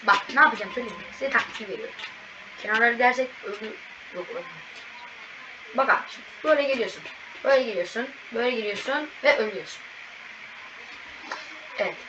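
A woman commentating a video game as she plays, excitable and exclaiming at every fail and win. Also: a little high. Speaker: gaming channel host. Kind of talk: live gameplay commentary. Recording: distant, muffled mic with loud background noise.

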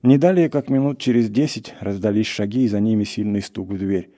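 A man reads a classic tale aloud in a steady, measured way. His voice is low and deeply dark, with a warm, mellow weight. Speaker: narrator. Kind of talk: literary reading of a classic story.

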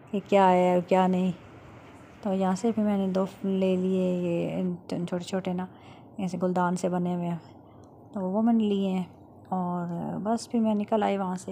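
In a casual vlog voice-over, a middle-aged woman from Pakistan describes her haggling in a chatty, matter-of-fact way, her Urdu accent tinged with Punjabi. Her mid-range voice has a warm tone, and there's a little hiss or hum on the audio.

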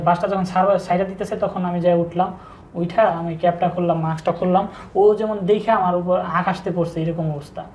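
A young man with speech, telling his own story in a halting, subdued way with frequent restarts. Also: high voice, a little mellow. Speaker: interview guest telling his breakup story. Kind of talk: casual personal storytelling. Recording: echoey room with faint background noise.

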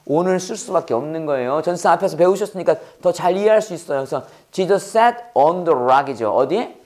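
Lively, drilling grammar teacher. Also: medium pitch. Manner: drills learners with repeated questions and call-and-response; reads example sentences slowly and deliberately. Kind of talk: recorded classroom lecture.

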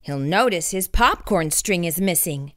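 Expressive woman's storytime voice. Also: on the low side, unhurried, no echo, clean studio sound. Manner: expressive storytime voice addressed to young children. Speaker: children's read-aloud host. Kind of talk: storytime read-aloud.

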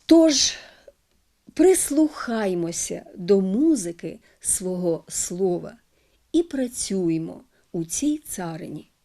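Slow, careful woman teaching word stress. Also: medium pitch, big pitch swings, mellow. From Ukraine. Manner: careful, precise, stresses words deliberately. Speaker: television language presenter. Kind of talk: scripted educational talk.

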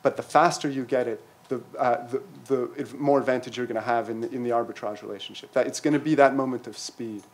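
A man's voice: medium pitch, fairly even intonation. Middle-aged guy at a panel table, academic talk, lots of uh and restarts, table mic in a lecture hall. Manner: halting, many fillers and restarts. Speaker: conference panelist. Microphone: table mic on stand.

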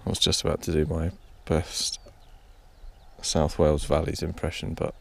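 Deep gravelly british guy rambling on a hillside vlog, kinda tired. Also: completely flat delivery, moderate pace, a little hiss or hum. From Britain. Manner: rambling, self-deprecating, tired. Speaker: painting vlogger. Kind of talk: casual vlog narration. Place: outdoors on a mountain.

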